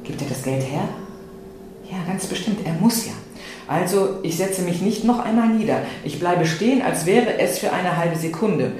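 A man's voice: sits high, lively intonation, moderate pace, a little mellow. Man reading with vivid expression, echoey. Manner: dramatic, shifting tones of an anxious inner monologue. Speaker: reader. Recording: echoey room, faint noise.

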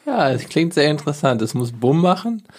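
A young man with a fairly high voice, chatting through a casual podcast. He jokes around and muses aloud while working through a puzzle. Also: very animated, a little fast, a little mellow, breathy edge. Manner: chatty, joking, thinks aloud. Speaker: podcast co-host.

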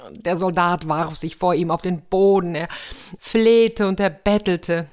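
A woman telling a fairy tale aloud in a lively way, with chatty asides to the listeners. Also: on the low side, unhurried. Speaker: storyteller.

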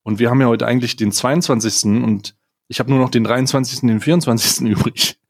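A man hosting a casual chat, excitable and scatterbrained as he unboxes an advent calendar, laughing often. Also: mid-range voice, quick pace. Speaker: podcast host.

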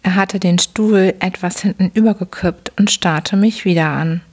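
A woman hosting a sleep podcast, reading a bedtime story aloud in a soft, slow, whispery voice. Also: on the low side, breathy edge.

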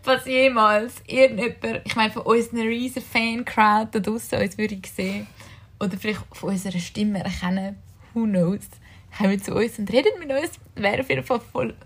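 A woman's voice: a little high, moderate pace. A young woman with a Swiss German accent in casual chat as a podcast co-host, thinking aloud with many filler words.

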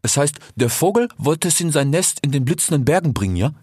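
A man voicing a chatty male desert fox trader in a storybook tale, his voice somewhat high and husky, recorded close and dry. He talks on and on, tossing a questioning "ja?" after nearly every phrase. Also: expressive, brisk, darkish tone, no room sound. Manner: chatty, ends phrases with 'ja?'. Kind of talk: audiobook fairy tale.

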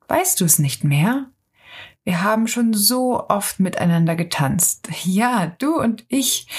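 A woman whispering a gentle, loving soul in whispered role-play. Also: medium pitch, husky. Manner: soft, gentle, calm. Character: kind, patient, loving friendly soul.

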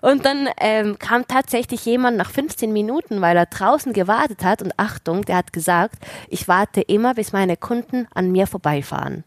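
Lively storytelling woman. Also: mid-range voice, normal speed, few pauses, no room sound. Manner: lively storyteller, laughs often. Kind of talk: casual chat.

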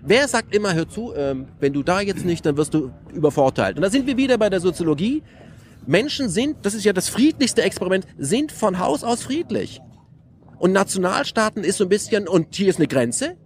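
Fast-talking, animated man. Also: high-pitched, slight background noise. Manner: animated, restarts and rhetorical questions. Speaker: interviewee. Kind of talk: casual conversation.

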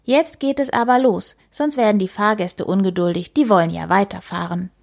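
A woman voicing a friendly, jovial male bus driver in a storybook, with a breathy voice. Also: mid-range voice, moderate pace, darkish tone.

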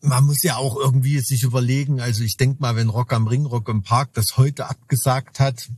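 Husky man, dry close sound, rambling podcast co-host full of restarts. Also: medium pitch, steady tone, fairly quick, darkish tone, no room sound. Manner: rambling, many restarts, tag questions. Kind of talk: casual chat.

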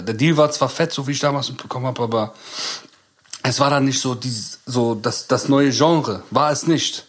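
A man co-hosting a podcast, talking in a loose, slangy way and often tagging on "you know?". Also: mid-range voice. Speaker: podcast co-host. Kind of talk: casual chat.

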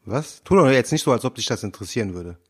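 A man's voice: medium pitch, expressive, quick pace, husky. A young man co-hosting a casual podcast, answering in a dry, skeptical, teasing way. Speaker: podcast co-host.

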